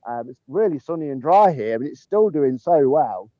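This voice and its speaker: Walking through a sunny garden with his phone camera, a man who works as head gardener chats casually, chuckling and saying um often. His voice runs on the high side, expressive and mellow at a normal speed, with no echo and the highs cut off.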